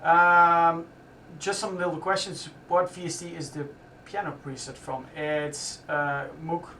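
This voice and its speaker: A man hosting a live stream from a music studio, explaining his production steps casually as he works and often pausing to restart his sentences. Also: fairly high pitch, little pitch movement, bright, forceful tone, a little hiss or hum. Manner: thinks aloud while working, halting with restarts. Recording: roomy studio sound from a distance.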